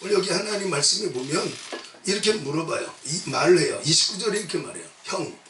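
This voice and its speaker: A man preaching a sermon with a fairly high voice. He presses each point with short, repeated urgings that draw replies from the listeners. The sound is roomy and distant, as if the mic sits well away from him in a large sanctuary. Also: lively intonation, fast talker, bright, forceful tone, slight background noise. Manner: emphatic, repetitive exhortation with call-and-response. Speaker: pastor. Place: church sanctuary at a retreat. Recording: echoey hall, mic at a distance. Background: congregation answering amen.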